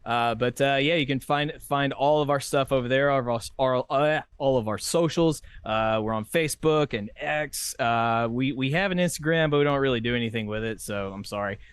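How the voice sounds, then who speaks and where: A male podcast co-host talking casually at an average pitch, trailing into fillers and restarts as he goes. He jokes around and laughs easily. The sound is close and dry, with no room behind it. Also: normal speed, few pauses, clear, resonant tone, no room sound. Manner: rambling, lots of fillers and self-corrections; joking, laughs often.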